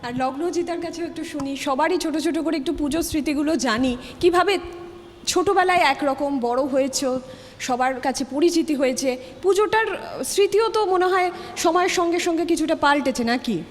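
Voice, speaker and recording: Female host, high bright voice, friendly prompts, roomy reverb with faint hum. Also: moderate pace. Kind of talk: hosting a festive talk show. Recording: reverberant studio with faint ambience.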